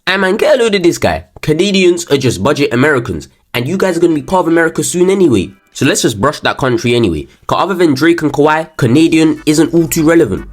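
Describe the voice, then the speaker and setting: A man's voice: a little high, lively intonation, fast talker, hardly any pauses, husky. A man from the UK doing a casual, joking, crude comedic roast monologue. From United Kingdom. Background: background music.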